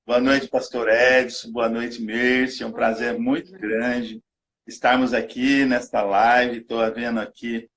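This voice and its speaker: A man's voice: medium pitch, little pitch movement, measured pace, a bit bright. A man with a Brazilian accent, a pastor appearing as a guest over a video call, speaking politely in casual conversation. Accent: Brazilian Portuguese. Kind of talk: casual live-stream interview.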